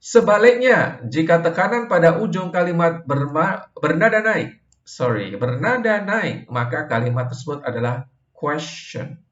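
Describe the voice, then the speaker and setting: Indonesian guy lecturing, lots of oke and ya, echoey room, kinda dull lo-fi audio. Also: on the high side. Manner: relaxed, drawn-out explanations with frequent "oke" and "ya" tags. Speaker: university lecturer. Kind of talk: recorded online lecture. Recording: roomy, dull lo-fi sound.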